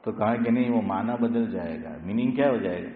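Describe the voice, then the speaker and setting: A man giving an informal talk as imam in a mosque, conversational and joking, often asking his listeners questions. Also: fairly low pitch. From Gujarat. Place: mosque hall. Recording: phone-like, echoey hall.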